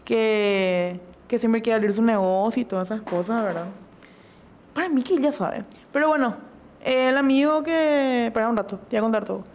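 A young woman, streaming and telling gossip in casual chat, animated and full of fillers. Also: a little high, moderate pace. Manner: animated storytelling with frequent fillers. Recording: faint background noise.

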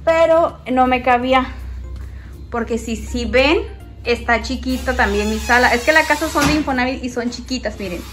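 A woman's voice: high voice, normal speed, a bit bright, faint music behind. A woman chatting to viewers as she films a tour of her small home on a phone. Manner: chatty, addresses viewers as friends, walking while filming. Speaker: vlogger. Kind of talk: casual house tour vlog. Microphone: phone held in hand.

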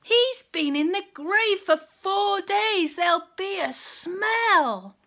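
A woman voicing a grieving, tearful woman in a children's storybook reading, pleading in a high voice. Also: moderate pace, fairly bright tone. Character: grieving, sobbing woman, Martha.

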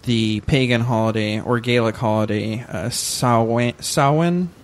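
A man's voice: medium pitch, unhurried. Hesitant man recounting research on a podcast. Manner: hesitant, self-correcting, many fillers. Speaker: podcast co-host.

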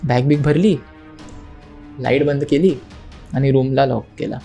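A man's voice: mid-range voice, measured pace, creaky, warm tone, faint music behind. A young man, a podcast guest, telling a spooky story in casual talk, acting out the quotes and the knocking, with English words mixed into his speech. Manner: dramatic retelling, acting out quotes and knocking sounds.

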